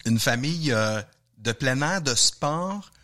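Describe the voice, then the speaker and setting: A man hosts a casual interview, nudging his guest along with brief interjections. His voice is bright and forward. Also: mid-range voice, expressive, slow. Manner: short prompting interjections. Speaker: podcast host.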